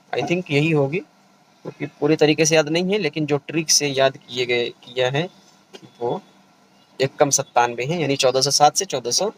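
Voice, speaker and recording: A man teaching an online revision lecture for a language exam, explaining patiently and repeating each point, often pausing to check that the students are following. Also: fairly high pitch, rough recording. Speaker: Urdu exam-prep teacher.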